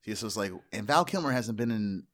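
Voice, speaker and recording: A man chatting casually about movies as a podcast co-host, talking in quick bursts with restarts. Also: lowish voice, animated, fairly bright tone.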